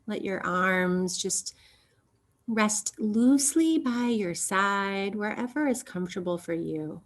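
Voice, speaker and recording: A woman leads a yoga nidra relaxation meditation, her delivery gentle, soothing, and unhurried, with long pauses. Her voice sits in the mid range and comes across as animated.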